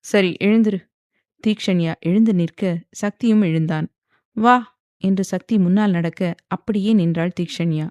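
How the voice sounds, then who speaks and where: Casting: a woman reading a romance novel, steady and close-miked. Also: fairly low pitch, moderate pace, dry recording. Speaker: audiobook narrator.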